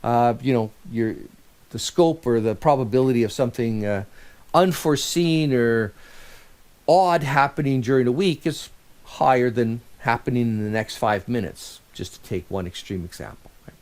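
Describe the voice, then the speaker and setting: A man's voice: mid-range voice, moderate pace, a little mellow. A man giving a recorded lecture as an instructor, talking in a conversational way and often restarting or correcting himself.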